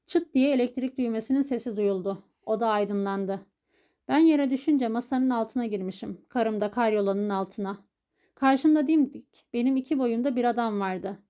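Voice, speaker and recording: A woman narrating a story as an audiobook reader, telling it in a steady, even way. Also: on the high side, normal speed.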